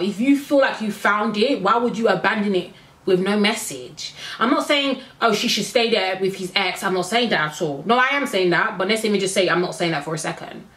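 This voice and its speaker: A woman's voice: mid-range voice, fairly bright tone. A woman recapping a reality show in a casual, blunt and opinionated way, with exasperated asides. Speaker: reality TV reviewer. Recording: echoey room.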